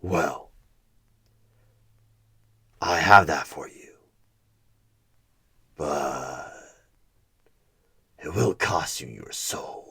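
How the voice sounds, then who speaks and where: Here a man voices a demonic tempter disguised as a job interviewer for a one-sided horror ASMR roleplay. Speaking in a heavily acted, extremely low-pitched, gravelly and breathy half-whisper, he coaxes with a halting calm that feels quietly menacing.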